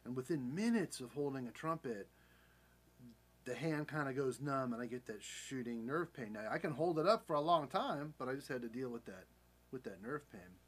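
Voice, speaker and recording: A man's voice: medium pitch, animated, normal speed, slightly rough. Rambling, candid American man in his forties. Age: 40s. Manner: rambling, candid, self-correcting. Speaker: vlogger. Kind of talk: casual personal storytelling.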